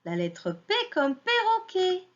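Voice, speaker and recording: A woman teacher giving a slow phonics lesson to young children, sounding out syllables and praising them. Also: extremely high pitch, huge pitch swings. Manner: slow, clearly syllabled, encouraging teacher talk. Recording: dull lo-fi recording.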